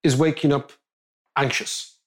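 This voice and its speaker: An Irish man hosting a conversational interview, putting questions in animated, everyday language. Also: medium pitch, unhurried. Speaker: podcast host.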